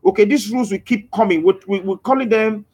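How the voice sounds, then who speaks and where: His voice sits high, a little mellow and husky, and he talks at a quick pace. He's a live broadcaster promoting a crypto scheme, preaching motivational lines with emphatic repetition and breaking off to respond to comments from viewers.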